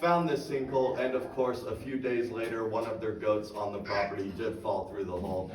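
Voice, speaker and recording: A man's voice: lowish voice, fairly even intonation, fairly quick. A man working as a tour guide, narrating to a group in a projecting, folksy way, in an echoing cave. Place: inside a rocky cave, standing among a tour group. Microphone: phone camera held several metres away. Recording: echoey cave, far from the mic.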